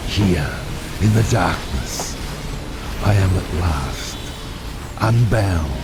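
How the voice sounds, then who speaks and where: An actor playing a brooding, fatalistic submarine captain in a dramatic audio drama, grave and theatrical. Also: male voice, low-pitched, animated, drawn-out words, gravelly, exaggerated voice. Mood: solemn farewell. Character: brooding, fatalistic, obsessed submarine captain, middle-aged man. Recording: loud cinematic music, storm effects underneath.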